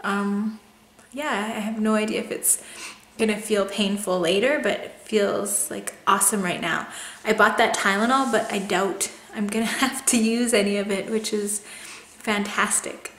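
A woman in her thirties talks casually to a camera close in front of her in a room at home. Her voice is bright and sits at a medium pitch. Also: fairly even intonation, unhurried, echoey room. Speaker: vlogger. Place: small room indoors.

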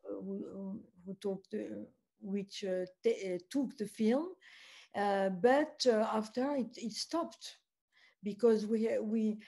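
This French-accented film producer has a medium-pitched voice that's gravelly and mellow. Answering questions at a festival Q&A in non-native English, she halts frequently, saying "uh" a lot while she hunts for the right words.

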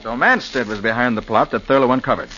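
An actor in a 1940s radio drama plays a confident, clever detective who explains a case briskly. His mid-range voice is close to an everyday speaking voice and is heard over loud music, on a dull old recording with faint hiss.

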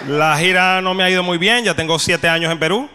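A young adult man with a Venezuelan Spanish accent performing a stand-up comedy set, telling deadpan stories and acting out the voices of the people he meets. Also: high voice, brisk, noisy background. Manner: deadpan storytelling, acts out quoted voices. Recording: long hall reverb.

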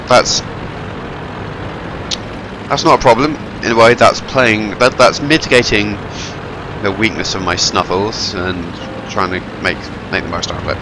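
With his voice on the low side and his head stuffed up from a cold, a young man rambles through casual commentary on a tank game. He's wry and self-deprecating, while game sounds, gunfire, engines and background noise fill the clip.

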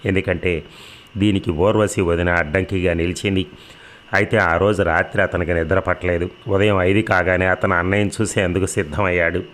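A middle-aged man reading a dramatic novel as scripted narration, with a steady, measured delivery. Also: sits low.

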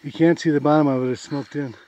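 The hiker speaks quickly in a warm, steady, fairly high voice with an American accent. Walking a forest trail for a video, he narrates casually and plainly, pointing out what he sees. His camera captures dull, lo-fi sound.

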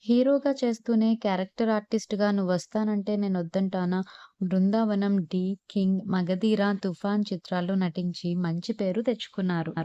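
A woman narrating a scripted biography, reading facts and long lists at a steady, even pace. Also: mid-range voice, no room sound, highs cut off.

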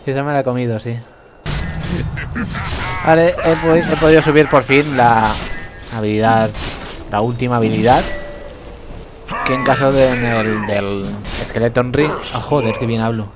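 A man's voice: medium pitch, steady tone, normal speed, long pauses, a crowd in the background. A young man giving casual, self-mocking commentary over a video game he admits he plays badly. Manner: self-mocking, bursts into laughter and yelps. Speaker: gameplay commentator. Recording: game sounds and noise behind the voice.

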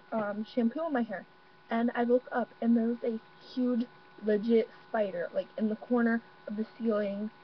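A young woman vlogging from her bedroom, excitable and rambling, with lots of fillers. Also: on the high side. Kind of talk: casual vlog. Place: bedroom at home. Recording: dull lo-fi webcam audio with faint mains hum.

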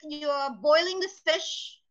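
A woman in an online cooking class asks a careful question, pausing on ums. Her voice is high and bright, with a sharp edge. The call audio comes through dull and lo-fi. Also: fairly even intonation. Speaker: class participant asking questions.

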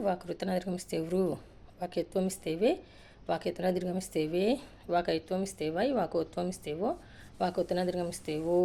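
Fast-reciting woman teacher, low gravelly voice. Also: dark tone. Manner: rapid sing-song drill recitation with brief asides. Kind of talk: reciting a Telugu alphabet lesson.

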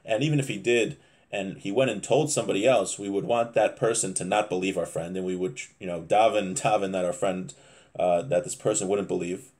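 Speaking briskly in a low, slightly mellow voice, a religious teacher in his thirties works through Hebrew phrases and explains them in English. The lesson is informal and takes place in a small room at home, and he often repeats and rephrases things along the way.

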